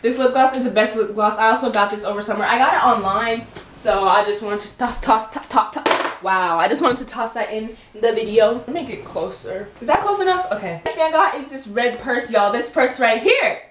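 A woman's voice: on the high side, a little fast, background noise. Giggly young woman in an echoey bedroom. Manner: chatty, giggly, stumbling over words. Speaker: vlogger. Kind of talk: casual try-on haul chat.

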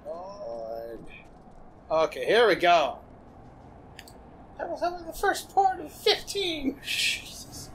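Swearing young man gaming, lively pitch. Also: takes it slowly, long pauses, slight background noise, poor audio. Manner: swearing, frustrated outbursts. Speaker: gamer playing. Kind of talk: casual let's-play commentary. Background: game music.

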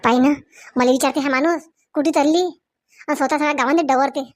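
A woman playing a nagging middle-aged mother-in-law in a comedy sketch, sharp and scolding, with a Varhadi Marathi accent. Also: high voice, fairly even intonation, fairly quick, slight background noise, lightly acted.

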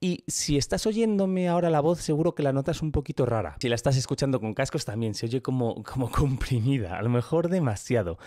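A man's voice: mid-range voice, animated, a little fast, few pauses, warm tone, no echo. A middle-aged man, explaining audio gear in a chatty way and often asking the listener to notice things, recorded on a close studio mic. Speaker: audio gear tutorial host. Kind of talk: explaining and demonstrating equipment. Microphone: close studio microphone.

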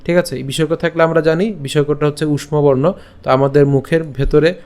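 Patient man teaching slow chanted recitation. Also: a little high, steady tone, a little mellow. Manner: patient, breaks verses into syllables, asks and answers himself. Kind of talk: pronunciation lesson with slow recitation.

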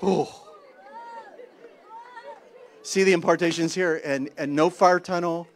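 A man preaching a sermon, telling a story with animated exclamations and chuckling asides. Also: fairly high pitch, slow, a faint crowd. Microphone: handheld mic.

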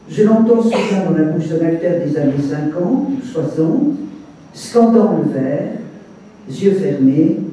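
A man, the author, reads his literary text aloud at a public evening, in a measured way with brief asides, recorded from a distance in an echoey hall. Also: a little high, mellow, highs cut off, slight background noise. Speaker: author reading his book. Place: reception hall with audience. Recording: echoey room, mic at a distance.

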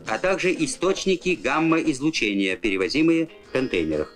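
A man's voice: medium pitch, sing-song, fairly quick, a bit bright, soft background music. A man reading formal, instructional scripted narration in the manner of a 1980s Soviet military training film. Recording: old film soundtrack.

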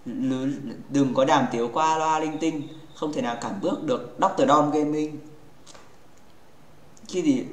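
A man with a fairly high voice chats casually on a gaming livestream, joking and teasing his viewers as he talks. He rambles and keeps restarting his sentences. His voice bounces around an echoey room. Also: a little slow. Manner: playful and teasing, joking with chat.

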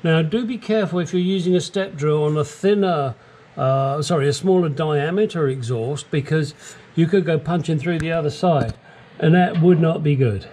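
A small action camera picks up a man fixing a car in his home garage, his voice a little high and a little mellow. He chats through the job step by step, with the odd swear word and crude joke.

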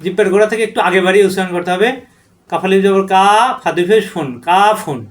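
A man with a noticeably high voice leads a letter-by-letter recitation lesson. He draws each letter name out in a long chant, then drops into short spoken explanations of how to say it. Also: fairly even intonation, fast talker. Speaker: Quran reading teacher.

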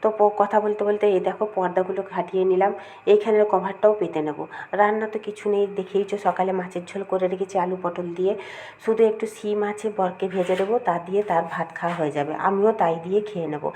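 A middle-aged woman chatting casually to her viewers at home, rambling about her day, with a cold and a slightly hoarse throat. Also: medium pitch, fairly even intonation, fast talker, warm tone, slight background noise. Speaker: vlogger. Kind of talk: casual daily-life vlog chat.

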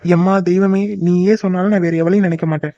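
A man's voice: sits high, flat delivery, fast, mellow, dry recording, dull audio, natural voice. A young man voicing a teasing, devoted boyfriend in a cartoon, coaxing and joking. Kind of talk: cartoon voice acting.

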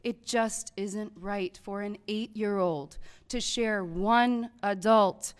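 At a podium mic in a big meeting hall, a woman in her thirties who teaches reads out her prepared public comment, earnest and pleading and building to loud emphasis. Her medium-pitched voice is clear and resonant, slow, with fairly even intonation.

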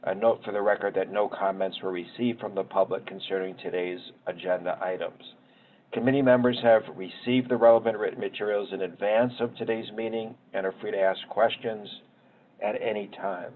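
A man acting as committee chair over a teleconference line, reading formal procedure in a measured way. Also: on the low side, steady tone. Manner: measured, reads set phrases. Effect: heard over a teleconference line. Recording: tinny phone-line sound, faint noise.

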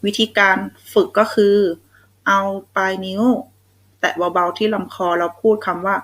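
A woman's voice: mid-range voice, level tone, normal speed, fairly bright tone, rough recording. A young Thai woman teaching children English phonics, sounding out letters one at a time and praising them. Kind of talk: slow, patient phonics lesson for kids.

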